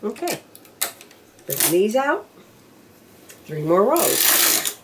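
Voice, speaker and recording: Heavy background noise surrounds an older knitting instructor who demonstrates machine knitting step by step in a casual way. Talking to herself and counting rows aloud, she uses a mid-range, very animated voice with drawn-out words.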